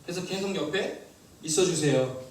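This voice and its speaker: A male pastor preaching a sermon, lively and asking the congregation questions. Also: a little high, moderate pace, very echoey, far from the mic, a little hiss or hum, rough recording. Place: church hall.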